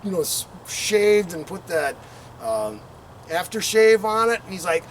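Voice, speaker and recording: Here a middle-aged man rambles through a casual anecdote at a measured pace, his high-pitched voice full of lively intonation as he acts out quotes and engine sounds. It's captured from a distance on an outdoor patio, with the camera several meters away and ambient noise audible.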